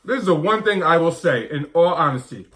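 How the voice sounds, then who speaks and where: A man in his thirties with a slightly high voice, talking casually and bluntly to his camera. He hammers his points home and often says them twice. The talk is loose and unscripted. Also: expressive, fairly quick, a bit bright. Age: 30s. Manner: blunt, emphatic, repeats himself. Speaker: vlogger and diet coach.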